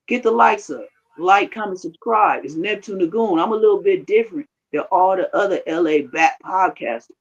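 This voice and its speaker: Brief: man in his thirties, slangy storytelling streamer, a bit high, dull lo-fi mic. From Haitian background. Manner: rambling, slangy, storytelling with restarts. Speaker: streamer reacting to clips. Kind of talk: casual commentary. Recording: dull lo-fi sound.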